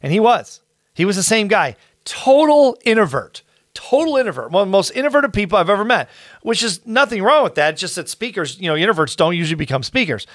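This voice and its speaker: A middle-aged man hosting a podcast, telling a story in an earnest, animated way with frequent restarts. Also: high voice, fast, no echo, clean studio sound. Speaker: podcast host. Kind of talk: casual storytelling.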